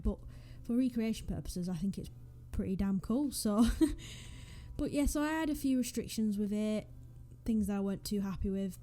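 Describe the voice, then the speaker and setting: A young woman from northwest England, speaking in a warm, mid-range voice with a Northwest English accent, chats casually over a game build, rambling and dropping self-deprecating asides. She's a Sims YouTuber recording on a USB desk microphone.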